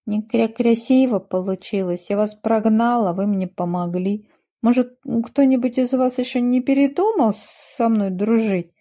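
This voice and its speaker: A woman's voice: a little high, very animated, a little slow, mellow, voice pushed up. A woman voicing a proud, stubborn little male duckling who quacks into his words. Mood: sheepish. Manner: haughty, later panicky, quacks into words. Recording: muffled dull recording.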